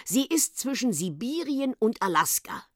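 A woman's voice: a little high, very animated, a little slow, dry recording, studio quality, pitched above the performer's own voice. A woman playing a stubborn, contrary old uncle. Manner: argumentative and reasoning. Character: stubborn, sensible elderly uncle.

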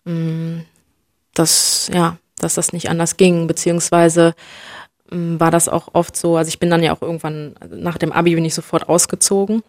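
A young woman from Germany, speaking reflectively as an interview guest and often pausing to search for words. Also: fairly low pitch, level tone, darkish tone, dry recording, clean studio sound. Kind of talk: personal interview conversation.

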